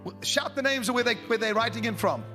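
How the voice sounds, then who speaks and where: A man's voice: very high voice, fast talker. A man preaching a fervent prophetic sermon, calling out to the congregation. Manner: fervent, rising to shouts, talks to the audience. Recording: long hall reverb with faint music.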